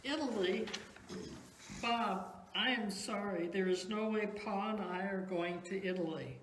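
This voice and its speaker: Slow, stubborn older wife played by a woman. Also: mid-range voice, lightly acted. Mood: stubborn, dismissive. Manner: emphatic, deliberate refusals. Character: stubborn older Wisconsin wife Ma, dismissive and emphatic. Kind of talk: amateur church comedy talk-show skit. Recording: roomy echo, background noise.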